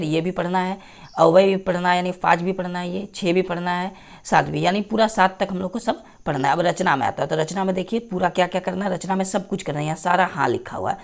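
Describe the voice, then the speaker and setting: Woman teacher reading a syllabus aloud. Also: fairly low pitch. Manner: repetitive, checks in with "theek hai". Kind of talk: screen-share syllabus walkthrough.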